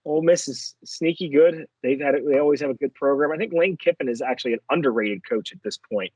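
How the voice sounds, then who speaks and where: A man's voice: mid-range voice, darkish tone, slightly rough, no echo, poor audio. A man from the Philadelphia and New York area with a New York accent, co-hosting a casual sports betting podcast, rambling and correcting himself as he goes. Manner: rambling, self-correcting, fast bursts. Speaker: podcast co-host.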